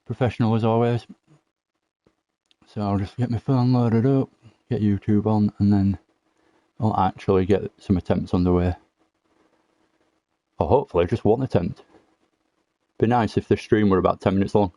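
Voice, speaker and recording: A man's voice: on the low side, fairly even intonation, moderate pace, long pauses, mellow, no room sound, muffled recording. A man casually commenting on his own sim racing laps on a live stream, chatty and self-deprecating, a little out of breath. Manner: chatty, self-deprecating, explains driving technique.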